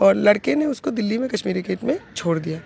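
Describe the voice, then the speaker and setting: A woman who rescues trafficked girls tells stories in an interview, earnest and halting, often restarting her sentences. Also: mid-range voice, expressive, gravelly, darkish tone, slightly rough. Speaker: anti-trafficking rescue worker. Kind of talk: storytelling interview answers.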